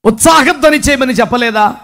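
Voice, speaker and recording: A man's voice: extremely high pitch, a little fast, fairly bright tone. A man preaching a sermon as pastor, firing off rhetorical questions and scolding the congregation.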